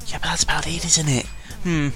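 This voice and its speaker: There's little movement in this British vlogger's fairly high voice, and he talks a little fast. His game commentary is casual and digressive, full of swearing and self-correction, with music playing underneath.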